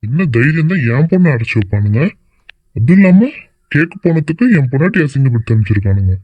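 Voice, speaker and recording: A performer doing an indignant cartoon father at a mid-range pitch. He fires off alarmed questions and protective vows. The recording is dry and close. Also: very animated, fast talker, no room sound, lo-fi sound. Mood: worried indignant. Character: worried father, middle-aged man, protective. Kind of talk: animated cartoon dialogue.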